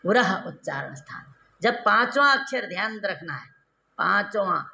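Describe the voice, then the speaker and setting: Slow high-voiced male teacher quizzing students. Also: big pitch swings, gravelly, pushed and bright, a little hiss or hum. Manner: repeats terms and quizzes students with rhetorical questions; slow, drawn-out stressed syllables when explaining. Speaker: Sanskrit grammar teacher. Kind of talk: classroom lecture.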